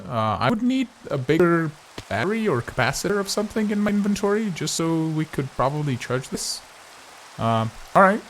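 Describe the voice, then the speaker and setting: Guy doing chatty gameplay commentary, mid-pitched voice, just thinking out loud. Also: a little hiss or hum. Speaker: gaming video host.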